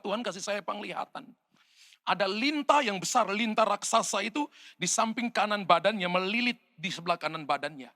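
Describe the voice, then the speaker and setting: A man with an Indonesian accent preaches a sermon, telling stories in a high, sharp voice. He keeps turning to the congregation with "saudara." His voice rings out with a long reverb in a church hall. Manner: storytelling, addresses the congregation as "saudara". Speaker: pastor.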